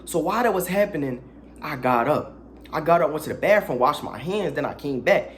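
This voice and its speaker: A man's voice: on the high side, a little fast. Young philly guy telling a crude story, voice jumping all over, bit of hiss behind. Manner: animated, crude, slangy storytelling with dramatic asides. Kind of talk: casual storytime vlog.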